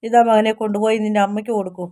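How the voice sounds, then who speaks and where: A woman's voice: medium pitch, little pitch movement, racing, dry recording, clean studio sound, lightly acted. A woman reading as a tender, tearful disciple. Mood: caring. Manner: gentle, caring questions.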